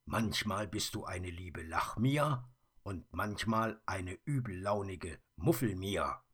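A man voicing a quiet, teasing plush teddy bear in a children's story, calm and close to his own voice. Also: low-pitched, slow, slightly rough, full character voice.

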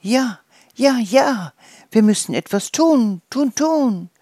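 A storyteller voicing a crowd of excited little dandelions in a children's story. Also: moderate pace, dry recording, clean studio sound, lightly acted. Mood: eager. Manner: high, eager, loud.

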